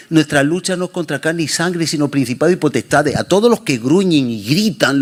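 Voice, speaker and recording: A man preaching a sermon as pastor, swinging between loud and soft passages. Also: fairly high pitch, breathy edge.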